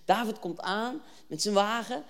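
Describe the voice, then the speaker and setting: A preacher speaks at a youth evening and turns a Bible story into a lively, conversational retelling. Read verses give way to casual slang and quick acted-out bits of the scene. The delivery is energetic and keeps pulling listeners into the story. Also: medium pitch.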